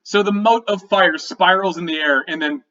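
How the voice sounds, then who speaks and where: A man working as game master, narrating a dark tabletop adventure in an ominous, deliberate storytelling manner. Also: high voice, distant mic, dull audio, background noise.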